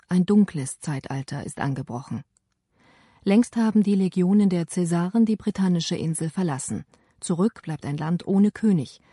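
Woman, audiobook narrator, measured and solemn, low husky voice, dark tone. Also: no room sound, studio quality. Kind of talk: scripted narration.

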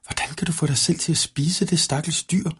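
A man voicing a kind, gentle young girl in a storybook reading. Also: medium pitch, lively intonation, husky, voice pushed up.

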